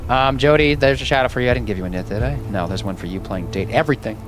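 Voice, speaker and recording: A young man chatting casually through a game stream, rambling to his viewers and breaking into panicked yelling when startled. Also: medium pitch, racing. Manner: rambling, chatty, talks to chat while playing; bursts into loud panicked yelling when scared. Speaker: gaming streamer. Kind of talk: casual let's-play commentary. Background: game music playing clearly.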